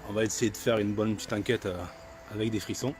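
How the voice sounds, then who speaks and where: A middle-aged man filming his own paranormal investigation inside an old house on a handheld camera, talking in a halting way with many restarts. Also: fairly low pitch, steady tone, darkish tone. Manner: hesitant, repeats himself often. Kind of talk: casual vlog narration.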